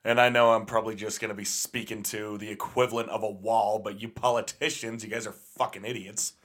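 A man's voice: on the low side, level tone, brisk, a bit bright. A man with a Utah accent co-hosting a radio show, bluntly cursing and laughing as he talks. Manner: blunt, profane, laughs often. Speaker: radio co-host. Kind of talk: casual radio banter.

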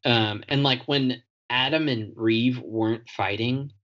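A man's voice: medium pitch, slow, a bit bright. A man chatting casually with a friend, recapping a show with easy fillers and frequent laughs. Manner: laid-back, laughs often, recaps plot with fillers. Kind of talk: casual chat. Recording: dull lo-fi sound.

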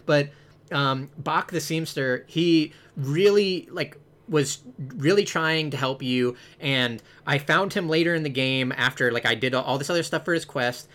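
A man's voice: a little high, unhurried, a bit bright. A man chatting casually about a video game, rambling and full of "like" fillers, with the odd swear.

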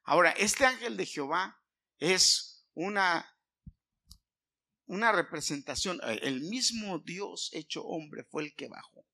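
A pastor preaching with a high, ringing voice. He is a man who climbs to emphatic peaks, then drops into hushed asides. He asks the congregation questions as he goes. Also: expressive, takes it slowly, creaky. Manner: asks the congregation questions, sings snatches of a hymn. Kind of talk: sermon.

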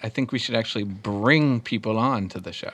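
A man's voice: fairly low pitch, a little fast, a bit bright, breathy edge, no echo. A man co-hosting a podcast in casual chat with teasing banter. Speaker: podcast co-host.

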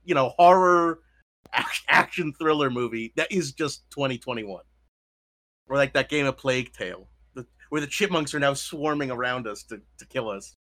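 A man's voice: medium pitch, normal speed. A man co-hosting a podcast, bringing up news items and joking about them in casual talk. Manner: animated, joking, reads headlines aloud. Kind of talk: casual political chat.

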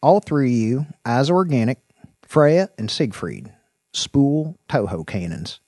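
Guy doing a chill young dog trainer dude, upbeat, a bit husky, pitch bouncing around. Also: very animated, slow pace, mellow, dry recording, studio quality. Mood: commanding. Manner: upbeat and informal. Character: eager, casual young male dog trainer.

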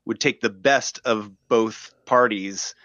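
A man's voice: lowish voice, slow pace, pushed and bright, no echo, dull audio. A man in a casual podcast discussion. He talks in a thoughtful, hedging way and fills his speech with "like.".

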